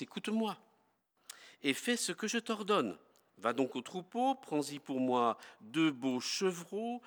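A man's voice: mid-range voice, fairly bright tone, natural voice. A man reading the lines of a scheming mother giving firm orders to her son. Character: mother Rebekah, commanding, scheming. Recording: long hall reverb.

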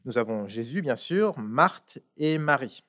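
A man reading a passage aloud and then preaching on it in a measured, emphatic way. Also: medium pitch, expressive, a bit bright. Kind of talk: sermon with scripture reading.

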